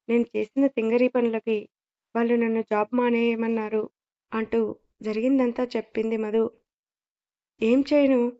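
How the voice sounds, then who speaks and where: A woman's voice: fairly high pitch, mellow, lightly acted. Woman reading as a shy, stubborn young woman. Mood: tearful. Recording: dull lo-fi audio.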